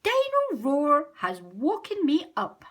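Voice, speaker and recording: A woman reading aloud, voicing an excited little girl pig from a cartoon storybook, high and bright. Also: slow pace, heavily acted.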